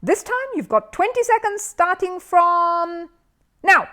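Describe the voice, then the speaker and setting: A woman's voice: very high voice, sing-song, slow pace, sharp tone, voice pushed up, full character voice. Woman as a showy, swooping male quizmaster. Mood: showy, solemn. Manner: solemn, theatrical, pompous. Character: showy, pompous, flustered male TV quiz-show host. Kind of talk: children's storybook reading.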